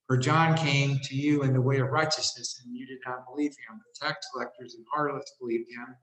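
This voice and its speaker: A man reading Bible chapters aloud in a steady, measured way, with short asides between passages. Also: mid-range voice. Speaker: scripture reader. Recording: roomy echo.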